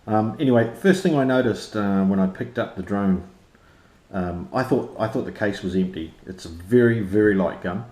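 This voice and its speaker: Man, broad New Zealand accent, very low pitch, mellow tone, chatty unscripted review, echoey sound. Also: normal speed. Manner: informal, slangy. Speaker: product reviewer and interviewer. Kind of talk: casual unscripted review chat.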